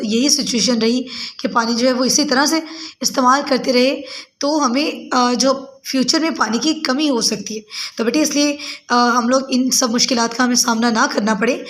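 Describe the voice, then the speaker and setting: A woman teacher gives a lesson to young pupils. She calls them "beta" and fills her pauses with "uh". She slows down to read English words aloud. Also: on the high side. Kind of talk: recorded class lesson for children.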